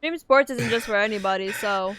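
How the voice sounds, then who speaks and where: A woman's voice: mid-range voice, brisk, noisy background. A woman streamer chatting casually with wry asides while playing a game.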